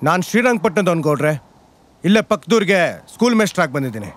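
A man's voice: high voice, big pitch swings, quick pace. An actor playing an earnest young schoolteacher from Karnataka who pleads his case before village elders. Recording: film soundtrack with loud music. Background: loud film music.

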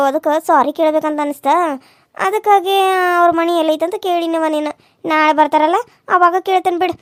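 A very high, rapid voice for a gentle young village woman in a cartoon, coaxing and rustic in a North Karnataka accent, as a woman acts her out. The sound is dry and close to the mic. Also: no room sound. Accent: North Karnataka Kannada. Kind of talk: cartoon serial voice acting.

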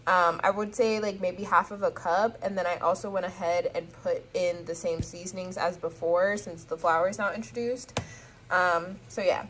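Speaking at a fairly low pitch with fairly even intonation, this cooking vlogger in her twenties chats casually at a moderate pace, her tone fairly bright. She films on her phone at home in a small kitchen and apartment room, rambling, poking fun at herself, and using plenty of fillers. The recording is low quality, with slight background noise.

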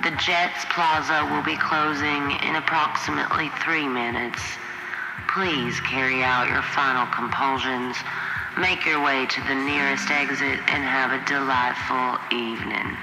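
A man making a formal store closing announcement over a supermarket loudspeaker. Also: medium pitch, steady tone, gravelly, very noisy. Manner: slow, measured and formal. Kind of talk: scripted public-address announcement. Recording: echoey loudspeaker in a large hall over loud music.

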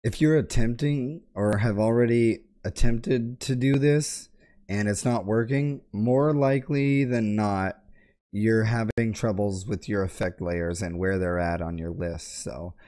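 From his home gaming room, a young tech tutorial host with a sore throat and a hoarse, lowish voice walks through a casual screen-share tutorial. He explains in a relaxed, unhurried way, clearing his throat often, speaking into a boom mic close to his face with a headset on.

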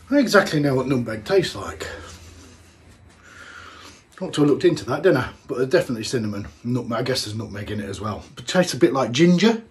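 A man, chatting casually as he tastes a homebrewed beer in a small home brewing room, thinking aloud with plenty of fillers. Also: medium pitch. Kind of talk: casual tasting vlog.

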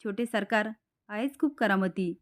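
A woman's voice: mid-range voice, normal speed, close to an everyday voice. Flustered sly young woman making excuses, woman reading her. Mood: pleading.

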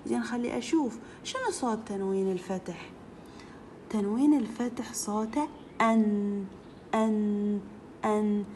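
A woman's voice: mid-range voice, mellow, a little hiss or hum. A young woman teacher with an Iraqi accent giving a recorded lesson to first graders, repeating letter sounds over and over and coaxing the children along affectionately. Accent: Iraqi Arabic.

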